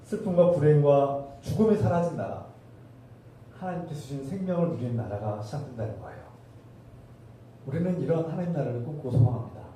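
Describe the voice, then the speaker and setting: A man preaching a sermon from a church pulpit, his voice mellow and dark, speaking a little high for a man. The sound is heard from a distance in a very roomy hall. A faint hiss sits under his voice. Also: a little fast. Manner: preaching with rhetorical questions to the congregation. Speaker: pastor. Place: church sanctuary.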